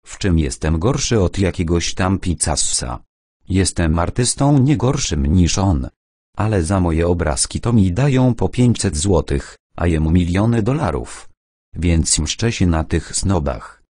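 A man's voice: deep voice, lively intonation, unhurried, warm tone, dry recording, studio quality. A man voicing a boastful, whiny art forger. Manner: self-pitying, then boastful.

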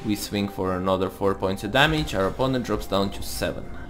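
A man with a slightly deep voice gives casual gameplay commentary. He thinks aloud as he goes, with faint music underneath. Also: fairly quick, a bit bright. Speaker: host of a card game let's play series.

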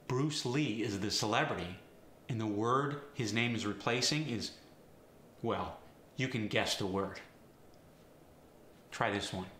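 Bright-voiced, deliberate middle-aged man presenting. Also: medium pitch. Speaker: presenter, slang teacher. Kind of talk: scripted instructional presentation to camera. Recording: roomy echo, faint background noise.

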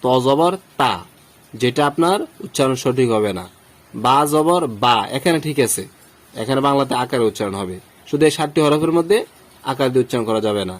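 Bangladeshi guy teaching quran letters, slow and patient, says every example over and over. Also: medium pitch, animated. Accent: Bangladeshi Bengali. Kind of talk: step-by-step tajweed lesson.

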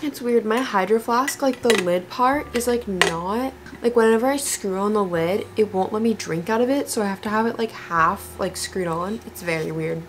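A woman's voice: mid-range voice, moderate pace, hardly any pauses, music in the background. A young woman chatting casually to camera in a vlog, filling her talk with "like", recorded on a handheld phone. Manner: chatty, constant "like" fillers. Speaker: vlogger.

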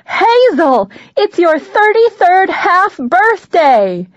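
A woman's voice: mid-range voice, lively intonation, normal speed, a little mellow, dry recording, muffled recording, natural voice. A woman voicing an upbeat, doting middle-aged mother in an audiobook, eager and cheerful. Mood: gleeful. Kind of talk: audiobook dialogue.

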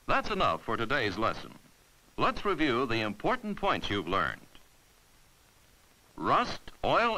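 Reading a script for a 1950s educational film, a man patiently and clearly guides the viewer through every step. His voice sits at a medium pitch with a sharp tone, and the recording is rough.

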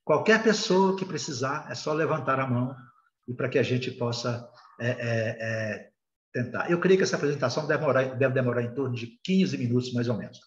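A Brazilian English teacher with a Brazilian Portuguese accent speaks a little fast in a medium-pitched voice while teaching a recorded beginner lesson. He explains patiently but hesitantly, using many filler sounds. The recording sounds roomy and muffled.

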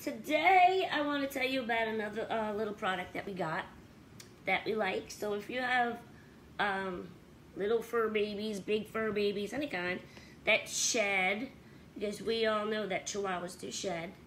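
A woman's voice: normal speed, a bit bright, slight background noise, rough recording. A middle-aged woman casually reviewing a laundry gadget to camera at home, chatty and upbeat, with fillers. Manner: chatty, upbeat, with fillers; high baby-talk when calling her dogs. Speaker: pet channel host. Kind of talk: casual product review vlog. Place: home bedroom with dog beds, indoors.

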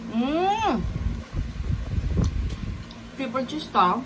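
A woman's voice: high voice, sing-song, extremely slow. Filipino woman talking with mouth full. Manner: chatty, code-switching, enthusiastic. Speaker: food vlogger. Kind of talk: casual food review chat. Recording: loud background noise.

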